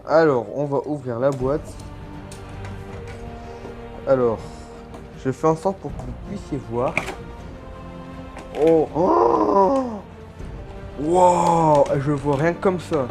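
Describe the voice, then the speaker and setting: A man giving casual, excited unboxing commentary, gushing and exclaiming often with lots of slang, recorded on a phone. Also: mid-range voice, unhurried, long pauses, music in the background. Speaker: toy unboxing vlogger.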